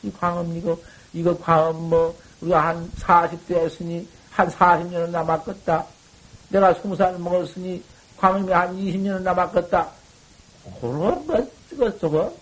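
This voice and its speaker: A man giving a dharma talk to monks, folksy and colloquial, swinging from loud exhortation to low murmurs. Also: fairly even intonation, normal speed, breathy edge, low-quality recording. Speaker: Buddhist monk teaching.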